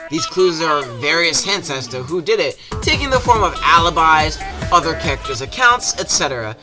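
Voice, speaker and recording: A man's slightly high, sing-song voice moves at normal speed over background music. He's narrating a scripted video game review for laughs, laying on sarcasm and exaggeration.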